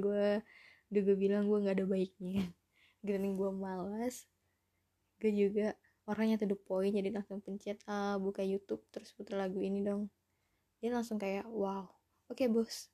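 A woman hosts a casual solo podcast, rambling and self-deprecating, in a soft-edged voice. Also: medium pitch. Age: 20s. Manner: rambling, self-deprecating, often chuckling to herself. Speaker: podcast host.

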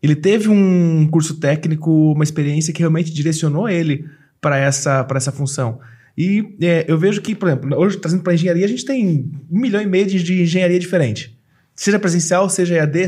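A man's voice: on the high side, brisk, darkish tone, breathy edge. A man hosting a casual podcast interview, chatty and eager, laughing along with his guest. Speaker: podcast host.

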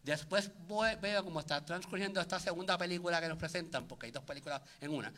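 A man's voice: a little high, fast, bright, forceful tone. A man, co-hosting a casual chat and animatedly acting out his own reactions. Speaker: podcast co-host.

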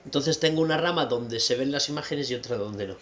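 A man's voice: medium pitch, a little fast, fairly bright tone, slight background noise. A man from Spain in casual chat, explaining things at length and laughing easily.

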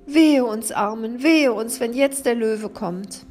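Brief: a plaintive, wailing gnu from a storybook, high and bright, as a woman reads it. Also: slow pace, faint music behind. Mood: lamenting. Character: lamenting gnu, half blind and remorseful.

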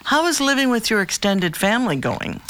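In an audio drama, a woman with a fairly high voice plays a calm, patient therapist who asks probing questions in a measured, formal manner.

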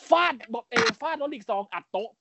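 A man co-hosting a casual podcast, recapping events as an animated storyteller, full of crude slang and mimicked voices. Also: extremely high pitch, normal speed, muffled recording, heavy background noise. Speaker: podcast co-host.

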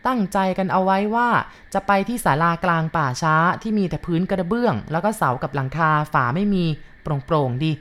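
A woman reads a ghost story calmly and steadily, keeping an even, unhurried pace. Her voice sits slightly low for a woman.

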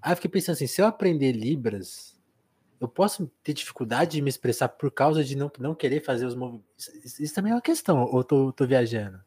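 A man's voice: mid-range voice, expressive, fast talker, a little mellow, breathy edge. A shy man in a casual conversation, asking questions in a hesitant way.

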